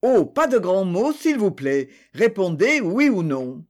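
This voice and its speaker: A man's voice: sits high, big pitch swings, unhurried, darkish tone. A man voicing a stern investigating judge who questions in curt, probing sentences. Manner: curt, interrogating.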